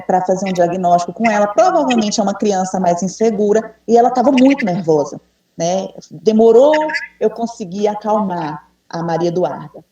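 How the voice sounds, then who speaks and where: Brazilian woman running an online workshop for teachers, patient and encouraging, warm low tone, video-call audio with roomy echo. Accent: Brazilian Portuguese. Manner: patient, encouraging, asks the group questions. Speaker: teacher trainer. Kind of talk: online teacher training session. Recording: echoey room, distant mic.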